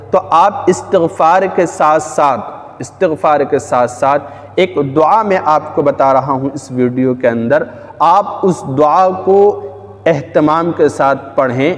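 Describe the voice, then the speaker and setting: A man's voice: fairly high pitch, in a large hall. A man, a religious scholar, giving earnest religious advice to viewers and repeating phrases for emphasis. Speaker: Islamic scholar.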